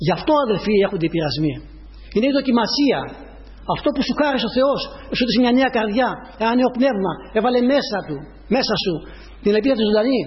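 A man's voice: sits high, expressive. A man preaching a sermon, repeating his points and rising to emphatic peaks as he addresses the congregation as brothers. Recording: dull lo-fi recording with long reverb.

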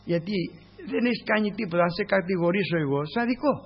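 A man's voice: high-pitched, expressive, husky. A man preaching an informal sermon, fervent and repetitive, often calling on his brothers, in a lo-fi recording with hum.

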